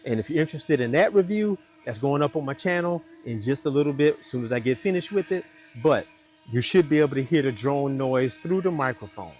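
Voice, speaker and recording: A man's voice: mid-range voice, expressive, a little fast, darkish tone, soft background music. A man reviewing gear and thinking aloud as he demonstrates it, his voice processed by noise cancellation that leaves reduction artifacts. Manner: talks easily while demonstrating, thinking aloud. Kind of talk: casual product test. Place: outdoors in a neighborhood.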